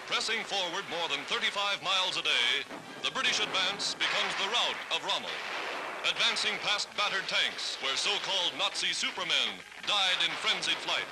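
A man's voice: high voice, lively intonation, moderate pace, background noise. A man narrating an old wartime newsreel in a dramatic, rousing delivery. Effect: old newsreel sound. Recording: old newsreel with music behind.

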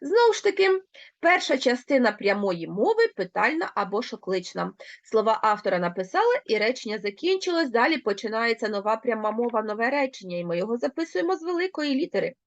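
A woman teacher with a Ukrainian accent explains a grammar lesson, speaking clearly and addressing her pupils directly. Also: on the high side, big pitch swings, fast, no room sound. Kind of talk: recorded online lesson.

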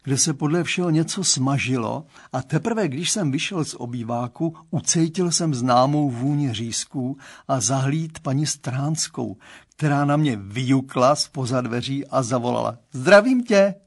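An older male narrator reading an audiobook. His delivery is dry and wry, at an ordinary mid pitch. It is steady, unhurried storytelling. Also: husky.

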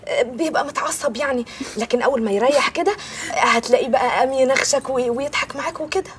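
An actress playing a young sister who pleads and reproaches, speaking with an Egyptian Arabic accent in a TV comedy series. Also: female voice, high-pitched, quick pace, close to an everyday voice. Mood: pleading. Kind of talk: TV comedy drama acting.

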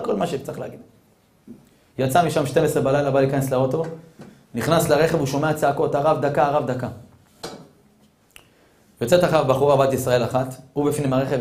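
A man, a rabbi, giving a Torah sermon full of rhetorical questions, swinging between hushed and loud. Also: mid-range voice, reverberant.

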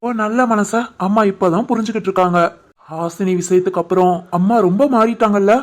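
A man voicing an affectionate, reassuring young husband in an animated family drama, with a Tirunelveli Tamil accent and a comforting, teasing manner. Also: sits high, a little fast, lightly acted.

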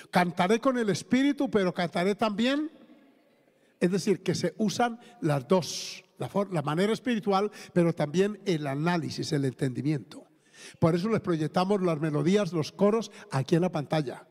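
A man's voice: high voice, a little mellow, big-room sound. A man with a Colombian accent, a pastor preaching a sermon and stopping often for praise and questions to the congregation. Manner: preaching with call-and-response interjections.

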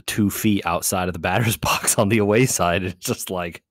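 A man's voice: low-pitched, moderate pace, no room sound, clean studio sound. A man hosting a casual podcast, telling stories in a rambling, laid-back way with lots of fillers. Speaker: podcast host.

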